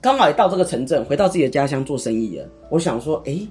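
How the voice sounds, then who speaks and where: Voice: mid-range voice, sing-song, fast, a little mellow, soft background music. A podcast co-host, casually chatting and retelling a story theatrically, acting out the dialogue. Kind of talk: casual chat, dramatic storytelling.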